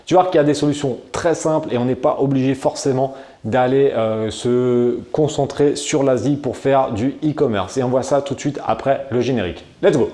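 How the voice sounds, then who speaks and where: A man from France gives casual e-commerce advice to camera, chatty and full of slang. His voice is mellow and dark. The room around him leaves a noticeable echo. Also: mid-range voice, moderate pace. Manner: chatty and slangy, addresses the viewer familiarly. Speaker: e-commerce video host. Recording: roomy echo.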